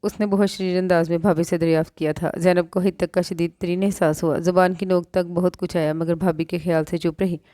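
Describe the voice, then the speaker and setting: A woman with a Pakistani Urdu accent narrates a romance novel in a lowish voice, reading every character herself. She raises her pitch when the characters speak. The recording is dry and close, with no room sound. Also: flat delivery, fairly quick, hardly any pauses, dark tone, dry recording. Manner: reads all characters in her own voice, lifting pitch for dialogue.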